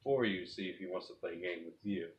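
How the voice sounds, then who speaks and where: A man leading a paranormal session, speaking casually and haltingly as he puts questions to a spirit. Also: deep voice.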